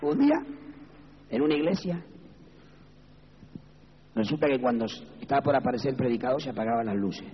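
A man with an Argentine Spanish accent preaching a lively, folksy sermon in a church hall, breaking into high shouted bursts. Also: brisk, pauses often, slightly rough. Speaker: evangelical preacher. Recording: dull echoey hall recording.

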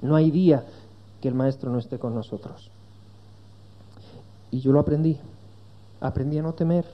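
An earnest man preaches to his congregation, his mid-pitched voice dropping low for scripture and climbing to emphatic peaks. The recording is slightly dull and lo-fi. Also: normal speed. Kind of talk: sermon.

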